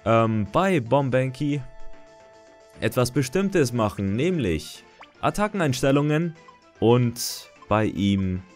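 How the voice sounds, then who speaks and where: A man's voice: mid-range voice, takes it slowly, soft background music. A young man giving casual, chatty gameplay commentary, muttering and reacting as he plays. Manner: chatty, excitable, mutters to himself. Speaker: gaming let's-player.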